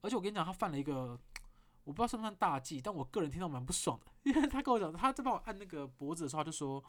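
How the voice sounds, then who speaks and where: A man with a Taiwanese Mandarin accent hosting a podcast, telling a story in a casual monologue with animated delivery and blunt swearing. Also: a little high, very fast. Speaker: podcast host.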